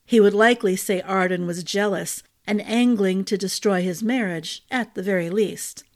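Female storyteller, mid-pitched, measured audiobook-style fantasy reading.

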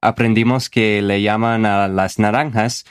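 A man's voice: fairly low pitch, fairly even intonation, measured pace, clear, resonant tone, dry recording, studio quality. A man in a casual conversation who asks curious clarifying questions about word meanings.

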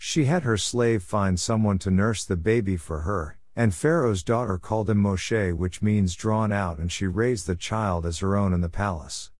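A man teaching on the week's Torah portion, reading scripture and commentary in a measured, earnest way. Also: fairly low pitch, darkish tone, no echo, studio quality. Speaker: Bible teacher.

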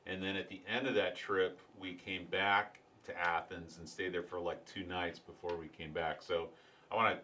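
A man's voice: sits low, flat delivery, moderate pace, bright, forceful tone, a little hiss or hum. Chatty man hosting a podcast. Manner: rambling, self-correcting, chatty. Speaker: podcast host. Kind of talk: casual interview chat.

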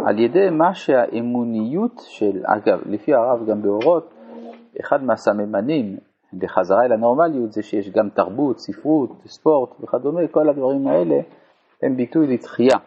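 A man's voice: medium pitch, animated, a little hiss or hum. A man teaching a Torah lesson to a live group, reading a passage aloud and explaining it phrase by phrase. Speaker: rabbi teaching a text. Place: community study hall. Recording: dull lo-fi recording.

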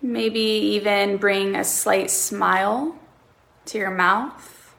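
A woman guiding a relaxation meditation, counting breaths slowly and leaving long pauses between short phrases. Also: medium pitch, fairly even intonation, creaky, a bit bright.

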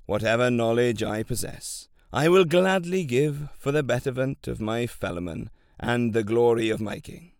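A man's voice: medium pitch, expressive, normal speed, hardly any pauses, no room sound, studio quality, natural voice. A man playing a spry, dignified rich man of seventy. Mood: humble. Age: 70s. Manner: dignified, humble.

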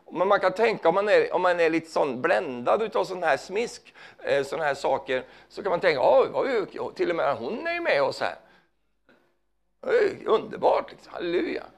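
A man preaching a fervent sermon, calling out hallelujah often and swinging between loud emphasis and hushed asides. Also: a little high, gravelly.

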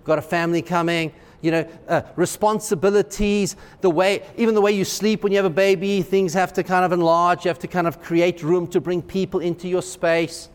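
A man preaching a sermon as pastor, emphatic and excitable, driving home repeated refrains. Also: high-pitched, fairly quick, few pauses, clean tone. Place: church sanctuary. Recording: long hall reverb.

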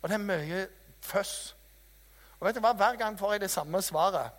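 A man preaching a sermon in a church hall, telling stories in a lively, self-mocking way. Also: sits high. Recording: reverberant hall.

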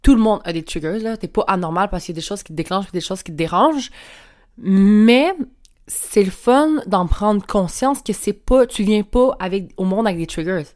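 A woman's voice: mid-range voice, lively intonation, normal speed, a little mellow. A young woman with a Québécois French accent hosts her podcast alone from home, chatty and candid, swearing freely and laughing often. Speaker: podcast host. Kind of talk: casual solo podcast monologue. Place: room at home. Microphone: clip-on mic.

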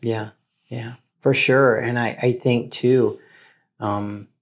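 A man's voice: mid-range voice, fairly even intonation, slow. A man co-hosting a faith-based talk show, agreeable and supportive as he chimes in. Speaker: co-host.

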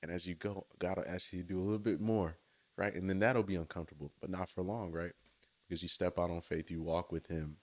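A man with a notably low, deep voice gives an eager, easygoing faith talk. He speaks outdoors in a chatty tone and keeps checking in with his listeners. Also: fairly even intonation, quick pace. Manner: enthusiastic, conversational, often says "right?" and "y'all". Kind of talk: casual devotional talk.

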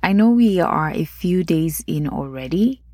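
A woman's voice: low-pitched, lively intonation, a little slow, darkish tone, no room sound, clean studio sound. A woman with a Nigerian accent hosting a podcast, chatting casually and talking straight to her listeners. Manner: chatty, addresses listeners directly. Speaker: podcast host.

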